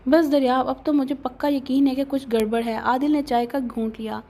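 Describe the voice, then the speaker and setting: A woman's voice: sits high, steady tone, warm tone. A woman reading a romantic novel aloud, narrating and voicing every character's lines with light changes in delivery. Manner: reads all the characters' lines in a lightly varied voice.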